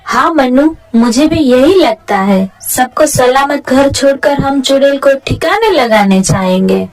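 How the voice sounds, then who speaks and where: A plucky magical boy hero gives bold orders in a high voice, as a woman acts him out. He takes charge of a cartoon fight with confident commands. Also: animated, measured pace. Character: brave male magical helper boy.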